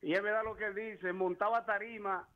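A man calling in to a TV show, warmly praising the guest. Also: high-pitched, fairly even intonation, brisk. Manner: warm, praising. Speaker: phone caller. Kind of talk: call-in greeting. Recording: dull phone-line call.

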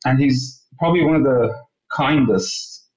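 A man's voice: medium pitch, measured pace, darkish tone. A man in his thirties from Iran, a guest speaking earnestly in a casual interview, often saying "you know". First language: Persian. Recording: roomy, dull lo-fi remote line.

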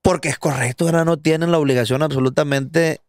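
A young Mexican man with a Mexican accent jokes and teases through a casual podcast, his voice on the high side. He reads viewer comments aloud between crude wisecracks, recorded dry and close. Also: fairly even intonation, fast, no echo. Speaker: podcast co-host.

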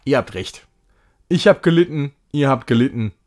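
Medium in pitch and somewhat dark in tone, this man's expressive voice moves at a moderate pace as he plays a game live. He keeps up a chatty, joking, self-ironic commentary and sometimes slides into mock-grand English.

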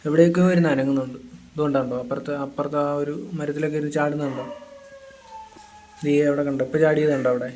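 A man's voice: fairly high pitch, darkish tone, slight background noise. A man talking casually in a family vlog, commenting on what he sees around the house. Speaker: family vlogger. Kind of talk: casual home vlog chat.

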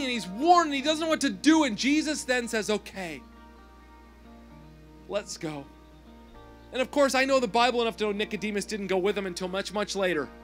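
A man preaching a sermon as pastor, impassioned, swinging from hushed tones to loud pleading at an outdoor service. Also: extremely high pitch. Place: outdoor service with people in parked cars.

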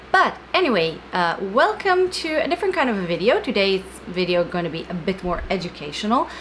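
A woman's voice: medium pitch, a bit bright. A young adult woman hosting an educational book video, speaking to camera with emphatic stress on key words. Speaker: book channel host. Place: small indoor room with bookshelves. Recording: fan hum in the background. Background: electric fan noise.

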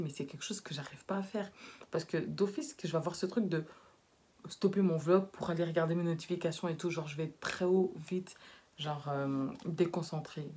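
A woman's voice: deep voice, slight background noise. A young woman, chatting playfully in a casual vlog and slipping English words in. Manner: playful, mixes in English words, swings from loud teasing to quiet talk. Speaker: vlogger.

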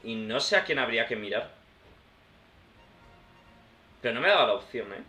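Chatty gamer thinking aloud. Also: male voice, medium pitch, animated, moderate pace, sharp tone, faint music behind. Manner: chatty, thinks aloud, addresses viewers as "tío" and "hermanos". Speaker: gaming YouTuber. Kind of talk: casual let's-play commentary. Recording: roomy sound with faint background noise.

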